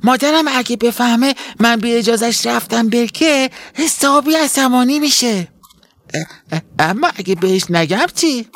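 A man putting on a high-pitched little girl for a children's storybook, nervous and stammering, tripping over her words. The voice sits very high and close, with a dry, dead sound. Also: expressive, fairly bright tone, no room sound, exaggerated voice. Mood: worried. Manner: stammering, hurried.

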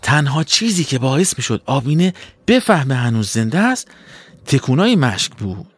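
A man narrating a children's story in an expressive, dramatic way. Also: mid-range voice, breathy edge, no room sound.

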